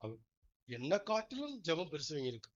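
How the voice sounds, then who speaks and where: A high-pitched man delivers a sermon, swinging between low, quick asides and loud, drawn-out emphatic phrases. He keeps putting questions to his listeners. The recording sounds dull and lo-fi. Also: huge pitch swings. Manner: questions the congregation often. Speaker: preacher.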